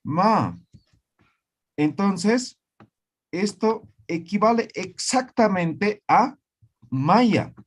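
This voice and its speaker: A man teaching a language class online, slowly repeating words and often checking that students follow. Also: a little high, very animated.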